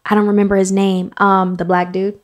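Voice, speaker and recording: A woman's voice: medium pitch, little pitch movement, brisk. A woman co-hosting a podcast in casual, joking chat, sometimes putting on a game-show delivery. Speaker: podcast co-host.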